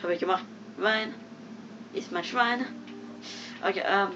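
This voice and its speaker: A young woman giving casual, excitable commentary while playing a game, mumbling one moment and yelping the next. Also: medium pitch, a little slow, soft background music. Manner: excitable, giggly, swings from mumbling to loud yelps. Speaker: gamer. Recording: dull lo-fi home recording with faint noise.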